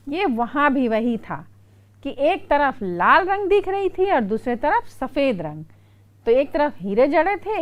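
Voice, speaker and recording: Slow, lively woman teacher telling a story. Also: high-pitched. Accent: Bihari Hindi. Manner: slow, expressive, acts out characters' quoted lines. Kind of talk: animated storybook lesson for children.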